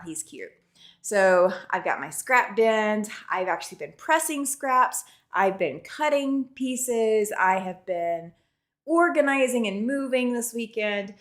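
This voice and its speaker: An echoey, warehouse-like garage sound surrounds a woman hosting a casual livestream. She speaks at a middle pitch, chatting directly to her viewers in an informal, unscripted way. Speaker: livestream host of a quilting channel. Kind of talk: casual live-stream chat. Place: garage studio, indoors.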